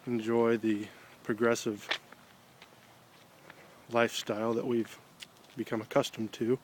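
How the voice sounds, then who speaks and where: An American man talking casually with a pipe in his mouth, rambling in a halting, reflective, unhurried way. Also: mid-range voice. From Ohio, United States. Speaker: video blogger. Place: outdoors on an evening stroll. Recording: noticeable background noise, ambience.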